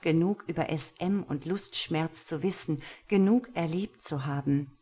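A woman reading an audiobook in a slow, measured, hushed manner. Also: low-pitched. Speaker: narrator. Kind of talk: audiobook narration.

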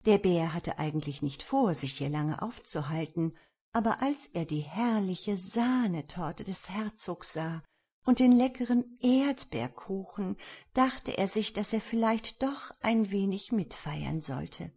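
A woman narrating a fairy tale aloud in a lively, expressive storybook manner. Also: mid-range voice, a little slow, husky. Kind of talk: storybook reading.

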